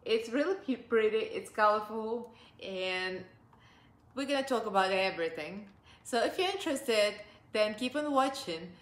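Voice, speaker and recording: In an echoey room, a woman with a slightly high voice and lively intonation speaks at normal speed. She's a Russian-accented beauty vlogger in her forties from Russia, seated on her living room sofa and laughing often as she chats upbeat through a makeup review.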